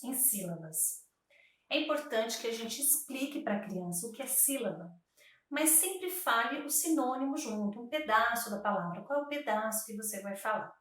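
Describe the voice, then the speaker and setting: A woman's voice: fairly high pitch, fairly bright tone, recorded from a distance. Woman speech therapist in an echoey room. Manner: patient, slow syllable-by-syllable demonstrations. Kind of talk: educational explanation to camera.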